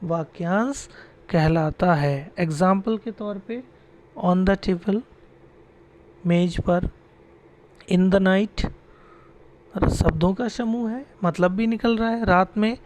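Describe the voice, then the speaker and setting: A man's voice: high-pitched, slow, long pauses, darkish tone. A male grammar teacher who dictates definitions word by word, repeats them, then explains them in Hindi, checking in with short asides. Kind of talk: classroom-style grammar lesson.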